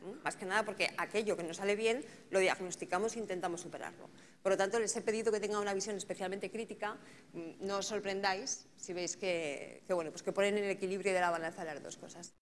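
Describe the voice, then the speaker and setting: This woman's mid-range voice stays fairly even in intonation as she moves at a quick pace, moderating a conference panel. She thinks out loud and often checks in with tag questions, with slight hiss or hum alongside the hall's reverb and faint ambience.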